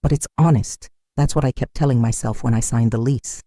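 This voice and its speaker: A woman's voice: a bass voice, dark tone, no echo, studio quality, pitched below the performer's own voice. Woman voicing a remorseful young son. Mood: sheepish. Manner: apologetic, halting. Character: remorseful grown son, young adult man.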